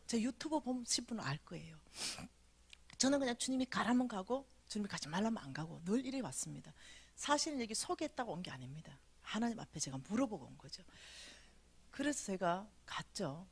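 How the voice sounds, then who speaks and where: A middle-aged woman telling a dream story in a revival sermon, animated, acting out the voices and often dropping to a whisper. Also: medium pitch, breathy edge. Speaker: revival speaker.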